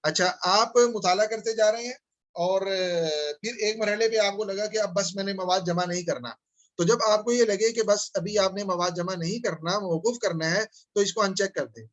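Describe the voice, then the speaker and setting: A man with a notably high voice leads a software tutorial, narrating over his screen recording. He moves patiently through each click and keeps checking that his students are following along. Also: fairly even intonation. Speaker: instructor.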